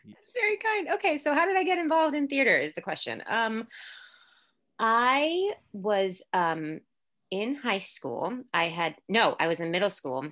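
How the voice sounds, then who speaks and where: Her voice is a little high and sing-song, with a fairly bright tone and a measured pace. This young actor, born in Puerto Rico and raised in Orlando, Florida, is a guest in a relaxed conversation, chatting away with plenty of fillers and false starts.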